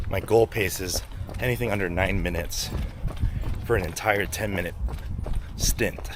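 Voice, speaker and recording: A man vlogging casually to viewers while running outdoors, talking with effort as he moves. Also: on the low side. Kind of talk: casual vlog talk to viewers. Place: outdoors, urban, on the move. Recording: outdoor recording with loud street and traffic noise.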